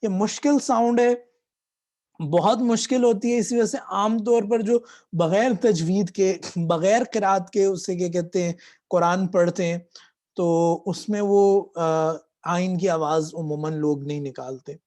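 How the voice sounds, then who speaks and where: A man teaching Quran letter pronunciation in a patient lesson style, stretching out the throat sounds slowly as he demonstrates them. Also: high-pitched, steady tone, a little mellow.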